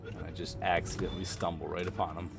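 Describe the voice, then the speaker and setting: A man's voice: deep voice, level tone, fast, creaky. A man hosting a gaming channel, giving casual, rambling gameplay commentary with lots of ums. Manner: chatty, rambling with many ums. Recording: game music underneath. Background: game music.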